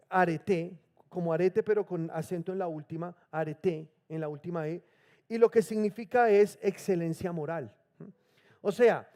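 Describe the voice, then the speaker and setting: High-voiced pastor preaching a sermon. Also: male voice, warm tone. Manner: calls on the congregation to repeat words; reads scripture slowly and emphatically.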